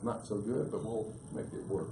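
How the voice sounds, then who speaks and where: A man giving a fast, emphatic business seminar presentation to a live audience in a meeting room. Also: on the low side. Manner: emphatic, rapid, listing points. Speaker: business speaker. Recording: roomy room, faint background hum.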